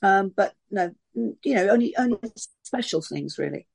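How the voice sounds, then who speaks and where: A woman from Sunderland with a posh southern English accent, an actress telling lively stories in a casual interview. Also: medium pitch, gravelly, husky. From Sunderland, England. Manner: lively, animated storytelling with quick voice switches. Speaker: actress and voice artist.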